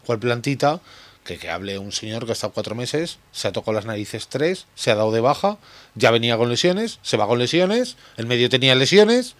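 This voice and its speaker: A man's voice: medium pitch, lively intonation, a little fast, fairly bright tone, no room sound. Radio football host guy, blunt, sarcastic jabs. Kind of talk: casual radio debate.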